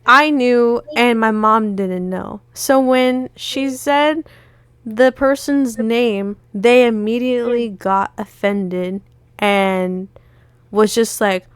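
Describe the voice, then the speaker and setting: A woman's voice: fairly high pitch, takes it slowly, clean tone, dry recording. A woman co-hosting a casual chat, telling a long story in a rambling way and acting out what people said. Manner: rambling, retells with quoted dialogue. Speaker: podcast co-host.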